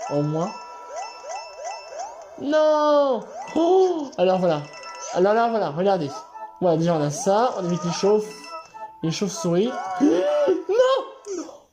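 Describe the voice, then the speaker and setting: A man doing let's play commentary, excitable, swearing and yelling at the game. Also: high-pitched. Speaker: gaming channel host. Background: game music.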